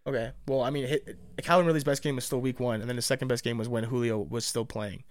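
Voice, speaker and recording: A man's voice: medium pitch, fairly even intonation, quick pace, no room sound. A young man co-hosting a podcast, teasing and joking in casual banter. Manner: joking, teasing, breaks into laughs. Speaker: podcast co-host.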